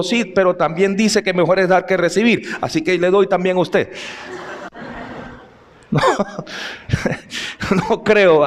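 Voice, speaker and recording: A male pastor preaching a sermon, reading scripture aloud and explaining it, turning to the congregation with direct questions and asides. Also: sits high. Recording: long hall reverb.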